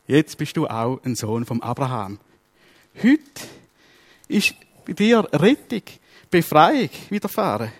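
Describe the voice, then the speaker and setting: A man voicing Jesus as a forgiving grown man who calls out warmly and emphatically. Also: on the high side, sing-song, takes it slowly, pauses often, heavily acted. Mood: proclaiming.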